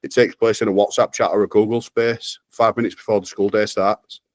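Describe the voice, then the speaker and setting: Northern English male presenter, low voice, upbeat rehearsed delivery, dry close sound. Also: flat delivery, brisk, no room sound. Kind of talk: pitch presentation on a video call.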